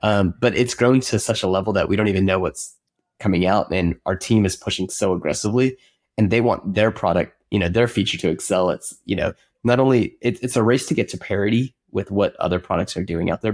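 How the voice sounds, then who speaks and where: A man being interviewed as a software company co-founder, speaking earnestly and reflectively in casual conversation, often restarting his sentences. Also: on the low side, fast talker.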